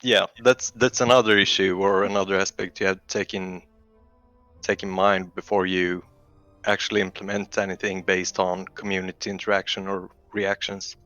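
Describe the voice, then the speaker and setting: A man's voice: sits low, flat delivery, normal speed, sharp tone, no echo, lo-fi sound, faint music behind. A man on the server's staff speaking in a matter-of-fact way in a casual voice chat.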